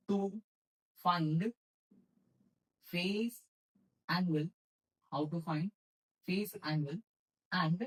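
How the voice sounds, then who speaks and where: A man's voice: fairly high pitch, low-quality recording. A man teaching physics to exam students. He talks in Hindi mixed with English terms and keeps asking the class questions and then answering them himself. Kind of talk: exam-prep physics lecture.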